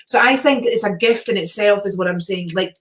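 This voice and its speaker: A woman's voice: mid-range voice, a little fast, fairly bright tone. A woman hosting a casual interview chat, talking in a gushing, effusive way. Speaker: show host.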